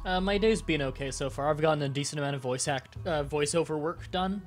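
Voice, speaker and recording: A man with a fairly high voice streams live, congested and nasal with a strip across his nose. He talks casually to his viewers in halting stretches, short of breath, with music playing along. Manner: halting, with pauses to breathe and throat clearing. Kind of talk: casual livestream chat to viewers.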